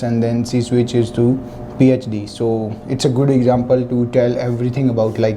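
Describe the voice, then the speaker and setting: A man's voice: mid-range voice, warm tone, a little hiss or hum. A man hosting a casual vlog interview, talking in a friendly, loose way.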